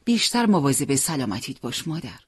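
A reader voicing a troubled, caring young man who gently deflects his mother's questions, in an audiobook character reading. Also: mid-range voice, sing-song, breathy edge, dry recording, clean studio sound.

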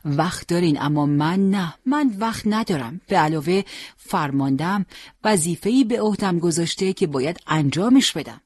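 A defiant old fighter who will not leave his post, as a storyteller puts him on. He speaks in a middle-pitched voice that climbs into loud, urgent cries. The recording is close and dry. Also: expressive, no room sound, natural voice. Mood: resolute. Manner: defiant, shouting over battle. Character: stubborn devout old male volunteer fighter.

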